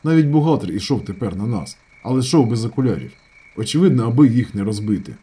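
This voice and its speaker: A man reading a novel aloud as an audiobook narrator, with expressive, dramatic storytelling. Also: mid-range voice, fast, breathy edge.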